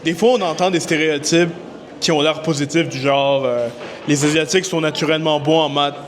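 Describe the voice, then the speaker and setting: A man's voice: on the high side, steady tone, fairly quick, slight background noise. A young man, a student, interviewing classmates with eager questions and then giving scripted commentary.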